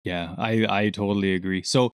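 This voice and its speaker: Man, lowish voice, animated casual podcast chat, dry close mic. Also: normal speed, smooth, no room sound. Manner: animated, acts out quoted questions in a raised voice. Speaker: podcast co-host.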